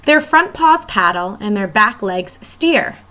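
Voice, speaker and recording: An elementary school teacher reads a nonfiction children's book aloud, speaking directly to young listeners and keeping explanations simple. Her mid-range voice is expressive and slow, with a pushed, bright quality.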